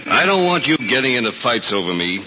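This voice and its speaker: A man's voice: medium pitch, sing-song, a little fast, noisy background, natural voice. An actor playing a kindly, easygoing baseball star mentoring a boy in an old radio drama. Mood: fatherly. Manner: easygoing, fatherly, plainspoken. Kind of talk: mid-century radio drama acting. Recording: muffled old broadcast, loud music behind.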